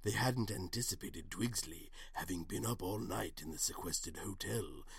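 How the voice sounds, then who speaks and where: A man narrating a scripted comedic story in a deadpan, often hushed way, close to the mic. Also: sits low, normal speed, vocal fry, breathy edge, dry recording.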